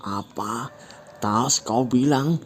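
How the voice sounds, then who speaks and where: A man voicing a manipulative, cruel young woman from a comic recap, speaking in a mocking falsetto. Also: little pitch movement, normal speed, dark tone, a little hiss or hum, natural voice. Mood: scornful.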